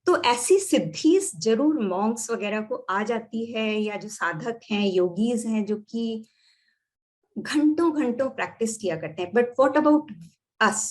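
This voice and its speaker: A woman doctor with an Indian accent gives a calm teaching talk. She explains step by step and slips between Hindi and English phrases. Her voice sits slightly high. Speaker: doctor and yoga therapy teacher. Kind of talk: lecture.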